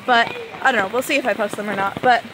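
This outdoor phone recording has a noisy background: heavy rain drums on the umbrella of a young woman vlogging at a campsite. Speaking at a quick pace in a fairly high voice, she raises it to carry over the downpour while chatting casually, phone at arm's length close to her face.

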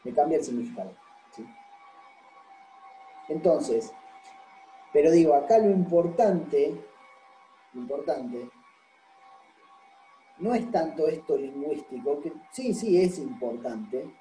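A man's voice: a little high, lively intonation, takes it slowly, pauses often, mellow, reverberant, slight background noise, rough recording. A man giving a university lecture. He explains patiently and keeps checking that the class follows. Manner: explanatory, constantly checks understanding with "¿sí?".

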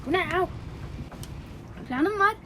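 Very high-pitched exasperated gamer woman. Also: lively intonation, slow pace, heavy background noise. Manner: exasperated, often yelling at the game character. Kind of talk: let's play commentary. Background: loud game music.

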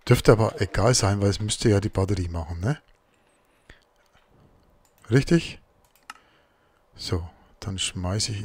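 Let's play host, husky low voice, chatty self-talk, keyboard clicks behind. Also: male voice. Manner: muttering to himself while crafting. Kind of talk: casual gameplay commentary.

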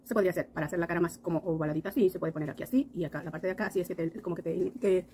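A woman's voice: fairly low pitch, steady tone, very fast, warm tone, a little hiss or hum, low-quality recording. A woman chatting through a casual makeup tutorial, talking to her viewers with lots of diminutives. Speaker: makeup vlogger.

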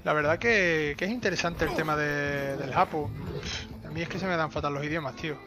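A man's voice: fairly high pitch, brisk, noisy background. A man chatting casually and joking while streaming a game, often repeating himself. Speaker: gaming streamer. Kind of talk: casual live-stream chat.

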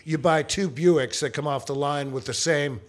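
A man's voice: fairly high pitch, moderate pace. A man in his sixties from Texas, a guest drummer in a casual chat, easygoing and playfully boastful. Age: 60s.

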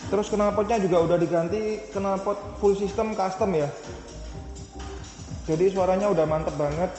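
A man's voice: high voice, fairly even intonation, normal speed, warm tone, echoey room, in a large hall, faint music behind. A man casually showing off a motorcycle, listing its features and specs in a chatty way with fillers and self-corrections. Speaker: motovlogger reviewing a motorcycle. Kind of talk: casual product walkaround.

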